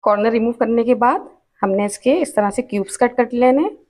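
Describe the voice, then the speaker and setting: A woman with a Pakistani Urdu accent talks viewers through a recipe at an easy, steady pace. She explains each step patiently and repeats her cautions so nobody misses them. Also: a little high, fairly quick. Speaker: cooking channel host. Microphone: off-camera voice over hands-only cooking shots.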